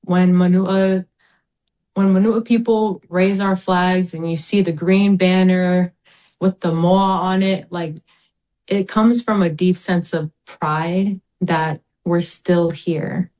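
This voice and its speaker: A woman's voice: lowish voice, steady tone, mellow, poor audio. Earnest woman from American Samoa. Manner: earnest, measured, speaks with pride of her home. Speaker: interview guest, community advocate. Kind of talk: interview answers.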